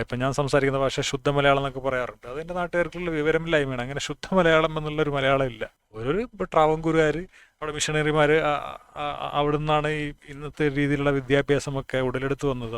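A man from Kasaragod in northern Kerala gives a casual spoken talk about language, plainspoken and reasoning aloud, often restarting words. His voice is fairly high, clear, and resonant, with no echo.

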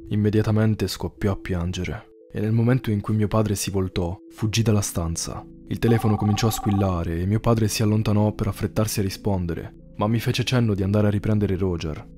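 Man reading a creepy story, low and mellow, slow and somber. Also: steady tone. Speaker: horror story narrator. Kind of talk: scripted horror narration.

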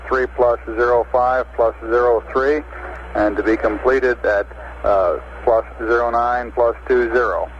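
A man at mission control relaying terse, clipped radio procedure talk with frequent hesitations, heard through a narrowband radio transmission. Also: medium pitch. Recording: lo-fi archival radio audio with faint hiss.

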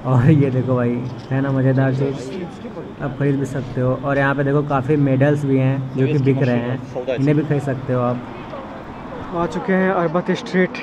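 With crowd and street noise around his handheld recording, a young Indian man casually narrates a walk through a city market and streets for his vlog, calling viewers brothers. His medium-pitched voice stays steady in tone at normal speed.

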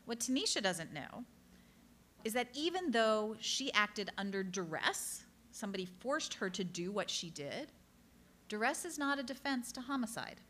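A woman author speaking to a live audience, telling true cases in an earnest, direct way and dropping in quick apologetic asides. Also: a little high, very animated, fairly bright tone, slight background noise. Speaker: author giving a book talk. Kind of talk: public talk to a live audience.

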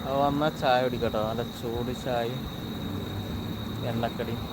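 A man's voice: mid-range voice, fairly even intonation, moderate pace. A man with a Malabar Malayalam accent chatting informally and directly to viewers on a casual live stream. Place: outdoors at a roadside hill viewpoint. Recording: very noisy outdoor recording, insects, vehicles.

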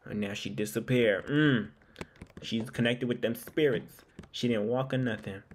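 A man's voice: mid-range voice, normal speed, noisy background. A man chatting casually through a mystery game as a gaming YouTuber, repeating himself as he plays. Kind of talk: casual gameplay commentary.

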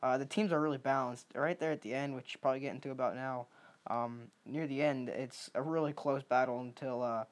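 A man's voice: medium pitch, fairly even intonation, fairly quick. A young man talking casually over his gameplay as a gaming YouTuber, rambling with lots of ums and restarts.

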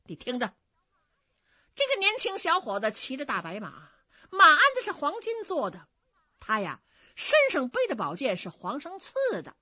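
A woman voicing a clever, sharp-tongued innkeeper's wife who scolds, in a dry, slightly dull recording. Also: high-pitched, wildly swooping pitch, no echo, full character voice. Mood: scolding. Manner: scolding, quick-witted.

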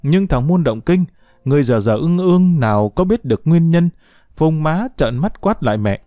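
A man reading a short story aloud as a storyteller, expressive and lively, close to the mic. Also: normal speed, dry recording. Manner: expressive reading with lively pitch, voicing quoted characters. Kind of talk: scripted narration of a short story.

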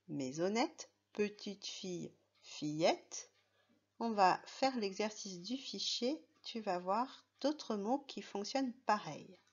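Heard through a muffled recording, a female primary teacher with a medium-pitched voice spells words out letter by letter during a reading lesson for young kids, staying patient and careful throughout.

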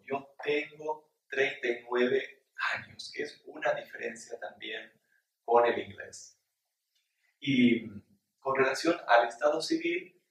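A man in his thirties with an Argentine accent, a Spanish teacher giving a slow, clearly enunciated lesson for beginners. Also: mid-range voice, fairly bright tone. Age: 30s. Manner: speaks slowly and deliberately for learners. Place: small room with whiteboard, indoors. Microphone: camera mic from a few feet away. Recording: very echoey room, mic at a distance.

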